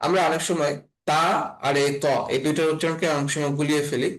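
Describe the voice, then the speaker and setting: A man from Bangladesh teaching an online class on letter pronunciation, speaking slowly and repeating each sound several times. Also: a little high, little pitch movement, poor audio. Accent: Bangladeshi Bengali. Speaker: Quran reading teacher.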